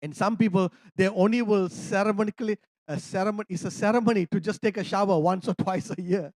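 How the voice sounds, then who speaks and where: A man from India, a pastor telling a personal story in a sermon, animated and laughing often as he acts out conversations. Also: sits high, fast, dry recording, clean studio sound.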